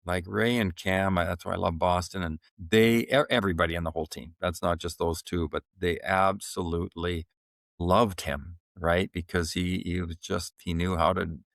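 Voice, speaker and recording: A man's voice: sits low, steady tone, normal speed, gravelly, a bit bright, dry recording, studio quality. A middle-aged man, a former hockey player, telling stories on a podcast, rambling with many fillers and restarts. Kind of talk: casual podcast storytelling.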